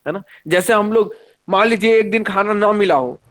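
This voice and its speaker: A man teaching an online science class, lively and often checking that the students follow. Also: sits high, moderate pace.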